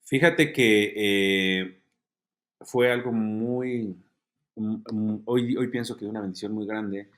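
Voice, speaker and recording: A man, a guest giving an earnest, halting testimony in an interview, with many fillers. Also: fairly low pitch, steady tone.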